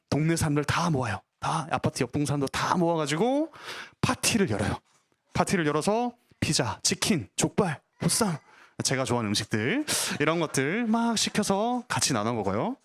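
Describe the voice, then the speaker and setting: A male pastor preaching a sermon, telling a story to children in an animated way and asking the listeners questions that he answers himself. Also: a little high, normal speed.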